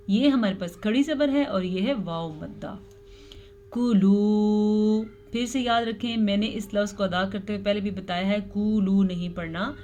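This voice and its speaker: Woman with a Pakistani Urdu accent, a tajweed teacher explaining rules patiently and modeling slow, stretched recitation. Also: medium pitch, a little mellow, muffled recording, slight background noise. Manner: patient step-by-step instruction, slow drawn-out recited words.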